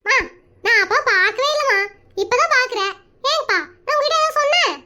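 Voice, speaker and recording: A woman's voice: very high voice, lively intonation, quick pace, bright, forceful tone, heavily acted. A woman voicing a cheeky, dramatic young boy in a cartoon comedy, speaking with a rural Tamil Nadu accent and a whiny, pleading manner. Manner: whiny, pleading, mock-threatening.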